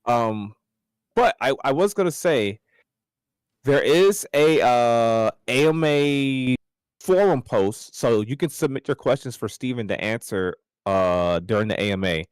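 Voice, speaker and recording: A man co-hosting a casual gaming podcast, rambling and excitable, his voice jumping up high when he jokes. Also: unhurried, clean tone, no echo, studio quality. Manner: excitable, rambling, jumps up in pitch when joking. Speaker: podcast co-host.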